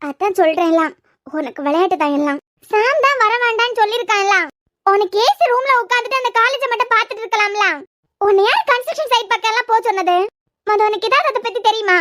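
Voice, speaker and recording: A woman's voice: very high voice, fast talker, a bit bright, dry recording, clean studio sound. A woman voicing an earnest, scolding young woman in a cartoon series, with a Kanyakumari Tamil accent. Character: young woman, scolding yet tender roommate. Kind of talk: cartoon web series voice acting.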